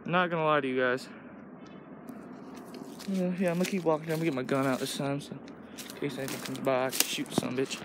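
Here the Illinois teen has a mid-range voice with fairly even intonation and a brisk pace. He rambles crudely, saying "like" constantly, during a casual vlog shot on a handheld phone while hiking through noisy woods.

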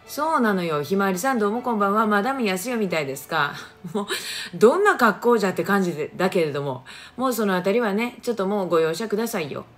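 A woman's voice: mid-range voice, lively intonation, fast, faint music behind. A middle-aged woman with a Kagoshima accent, chatting casually on a phone livestream and greeting viewers by name. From Japan, Kagoshima. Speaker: livestream host reading viewer comments.

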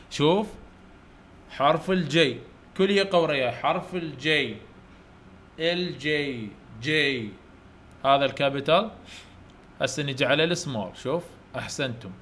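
An Iraqi man teaches young children in an online lesson, his voice sitting a little high for a man. He talks in an encouraging, repetitive way, coaxing the kids to say each letter back and praising them again and again. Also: a bit bright, slight background noise. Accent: Iraqi Arabic. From Iraq.

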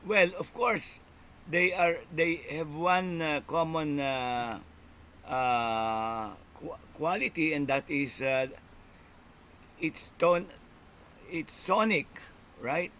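An older man, a keynote speaker, answering questions on a video call, halting with many pauses and tagging sentences with "no?". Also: fairly high pitch, fairly bright tone, a little hiss or hum. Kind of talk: unscripted academic Q&A. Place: small indoor room. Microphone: webcam on a video call.

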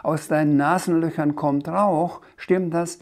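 A man voicing a cheeky, impatient, childlike creature in a storybook reading, loud and insistent. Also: a little high, fairly even intonation, a little slow, pitched above the performer's own voice.

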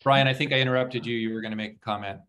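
A man's voice: mid-range voice, fairly even intonation, very fast, a bit bright. A man hosting a video call, patiently guiding someone through the controls.

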